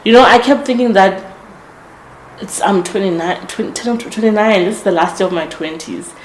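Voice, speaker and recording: Here a twenty-something woman, late twenties, hosts a podcast and offers casual motivation, sounding earnest and reflective while repeatedly correcting herself mid-sentence. Her pitch is medium and her pace moderate. The audio is poor and reverberant, with a bit of hiss or hum.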